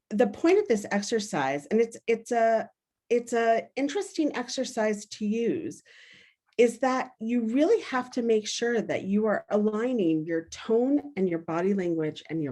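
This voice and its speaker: Woman leading a lively video-call workshop. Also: medium pitch. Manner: energetic, frequently asks "right?". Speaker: workshop facilitator.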